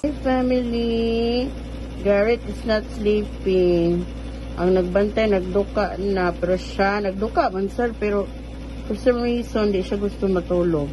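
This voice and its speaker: A woman speaking for a baby boy who greets his relatives in a family vlog, in slow, sing-song greetings. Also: mid-range voice, fairly even intonation, highs cut off, lightly acted. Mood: cheerful. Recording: noisy home recording.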